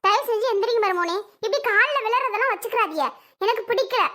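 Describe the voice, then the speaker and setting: A woman's voice: very high-pitched, quick pace, bright, forceful tone. A woman playing a mother-in-law who scolds and fusses over her son-in-law. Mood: scolding. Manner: scolding, fussing. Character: flustered mother-in-law, embarrassed by pleading son-in-law.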